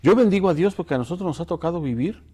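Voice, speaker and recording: A man's voice: on the high side, expressive, very fast, dark tone, breathy edge. A male pastor talking earnestly and emotionally about God's love on a devotional talk show.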